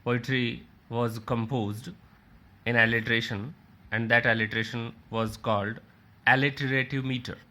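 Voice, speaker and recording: A man's voice: mid-range voice, little pitch movement, moderate pace, sharp tone. A man giving a recorded literature lecture, explaining terms by restating and rephrasing them and walking through examples shown on a slide.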